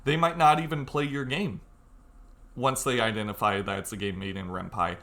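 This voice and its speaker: A young man presents an informal video tutorial in a steady, slightly bright mid-range voice at normal speed. He talks casually and bluntly, pushing the listener on with emphasis.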